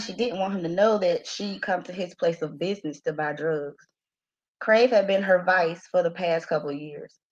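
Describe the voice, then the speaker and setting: Woman reading her novel aloud, muffled. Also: fairly low pitch. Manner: expressive reading with laughing asides to a live audience.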